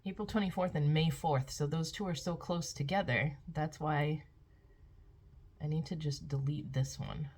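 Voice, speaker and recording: A woman's voice: deep voice, fairly even intonation, normal speed, darkish tone, husky. A middle-aged woman vlogging casually at home, rambling through her day with filler words, talking into a phone camera. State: out of breath. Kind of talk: casual vlog chat. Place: at home indoors.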